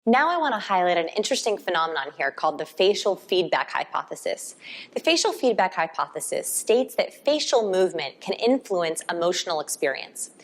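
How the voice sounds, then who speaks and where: A woman's voice: on the low side, very animated, a little fast. A woman instructor explaining a coaching concept in a recorded course, illustrating it with a client example.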